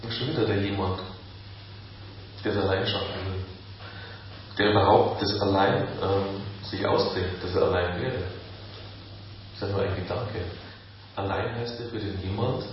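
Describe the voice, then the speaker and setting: Low-voiced man teaching. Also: steady tone, measured pace, long pauses, slight background noise. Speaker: spiritual teacher. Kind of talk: satsang talk. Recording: echoey room from far off, dull.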